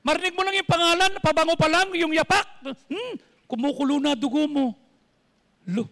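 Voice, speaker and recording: A man's voice: extremely high pitch, moderate pace, fairly bright tone. A man with a Filipino accent preaching a sermon as pastor, mixing Tagalog and English and asking teasing rhetorical questions.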